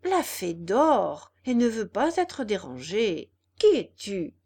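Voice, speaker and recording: Storybook snail, placid and very slow, voiced by a woman; keep it gentle. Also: medium pitch, sing-song, husky, heavily acted. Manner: drawn-out, unhurried, placid. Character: slow unhurried female snail, calm and kindly.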